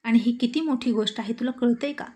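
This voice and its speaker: A woman voicing a hot-tempered young husband who scolds loudly, in an audio story. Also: on the high side, fairly even intonation, measured pace, lightly acted. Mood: angry. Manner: shouting, scolding.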